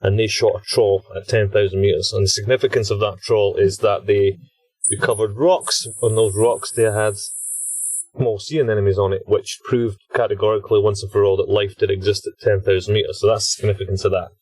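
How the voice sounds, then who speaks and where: A British man hosting a podcast, chatting and laughing often while he records an audio log from inside a small deep-sea submersible. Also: flat delivery, fairly quick, darkish tone, no echo. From Britain. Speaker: expedition scientist and podcast host.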